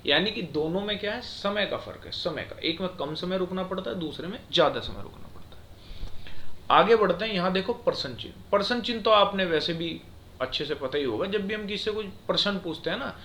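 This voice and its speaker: A man teaches a grammar lesson with a bright, forceful voice pitched a little high. He explains patiently and keeps checking that his students follow along. A faint hiss sits under the recording. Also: lively intonation, brisk.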